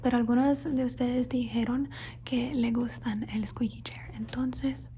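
A woman from Colombia whispering a casual ASMR ramble, switching between Spanish and English and softly repeating words over and over. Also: on the high side, steady tone, measured pace, a little hiss or hum. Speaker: ASMR creator. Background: faint thunderstorm sounds.

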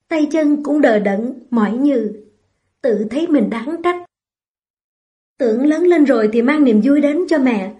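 A woman reading a first-person story aloud in a slow, melancholy way. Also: sits high, dark tone.

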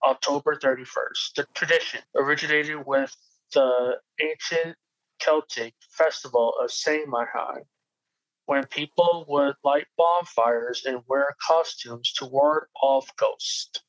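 Male presenter, mid-pitched, scripted informational reading, dry muffled lo-fi sound. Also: steady tone, slow, a bit bright, no room sound. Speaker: presenter of history facts. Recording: dry, dull lo-fi microphone.

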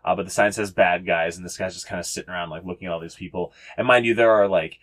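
Rambling young game master, low voice. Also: male voice, very fast, fairly bright tone. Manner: rambling, lots of fillers, profane. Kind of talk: casual narrating of a tabletop game.

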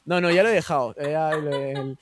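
A man's voice: a little high, steady tone, normal speed, a little hiss or hum. A young man with a Peruvian Spanish accent, a guest telling stories in a casual chat, full of fillers and tag questions. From Peru.

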